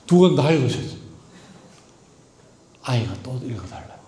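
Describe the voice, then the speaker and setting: A middle-aged teacher with a Gyeongsang Korean accent gives a guest lecture built on stories. His voice is dark and mellow. He asks his listeners questions and acts out the people in his stories. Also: medium pitch, sing-song, normal speed, a little hiss or hum. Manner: acts out quoted voices and poses rhetorical questions. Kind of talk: storytelling public lecture.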